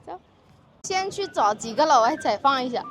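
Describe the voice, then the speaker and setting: A woman from Egypt, a host chatting quickly and laughing often as she interviews students at an outdoor university event. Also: sits high, animated. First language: Arabic. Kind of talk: casual street interview. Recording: loud background music and crowd.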